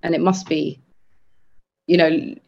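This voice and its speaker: A man's voice: on the high side, little pitch movement, gravelly, a little mellow. Guy on a podcast, earnest, stops and restarts a lot, kinda dull lo-fi sound. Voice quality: halting, earnest, many restarts. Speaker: podcast co-host. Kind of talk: casual podcast chat.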